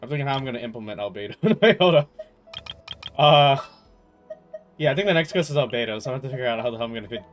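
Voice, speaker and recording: A game livestreamer in his twenties chats informally with viewers while he plays, rambling, teasing, and answering their questions over video game music. His mid-range voice has lively intonation, and he talks quickly with frequent pauses.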